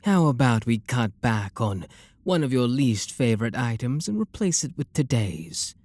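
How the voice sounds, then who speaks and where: In an ASMR roleplay, a man plays a refined, possessive vampire lord with a British accent, speaking softly and deliberately in a genteel, flirtatious way. His mid-range voice is sing-song, the mood patient and negotiating, with no room sound at all.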